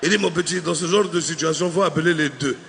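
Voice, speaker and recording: A man doing a lively stand-up set on a big stage, telling stories and calling out to the crowd. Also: on the high side, fast, vocal fry, a little hiss or hum. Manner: lively storytelling, shouted greetings to the crowd. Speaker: stand-up comedian. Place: large exhibition hall stage.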